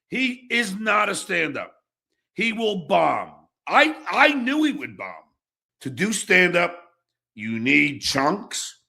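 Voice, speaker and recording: A man with a high, gravelly voice that sounds pushed and bright hosts a casual talk show. He rambles and rants, swearing heavily and repeating himself a lot.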